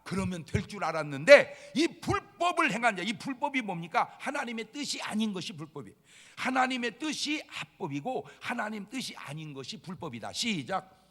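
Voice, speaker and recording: High-voiced, animated Korean pastor preaching. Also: male voice, fairly quick, in a large hall. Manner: emphatic, dramatic, rhetorical questions. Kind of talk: sermon.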